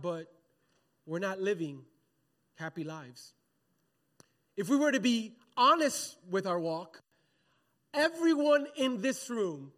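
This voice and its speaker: A pastor with a high voice preaches to his church in an easy, talk-to-you manner. He keeps asking the people in front of him to answer back and join in. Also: a bit bright. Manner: conversational preaching, calls for audience response. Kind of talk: sermon. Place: church sanctuary.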